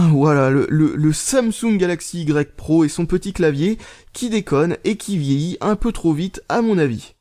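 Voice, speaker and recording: Halting man with a raised pitch. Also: lively intonation, darkish tone. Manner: halting, many fillers and restarts, mutters while typing; wry, swears under his breath at a faulty keyboard. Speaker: tech reviewer. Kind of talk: casual hands-on phone review.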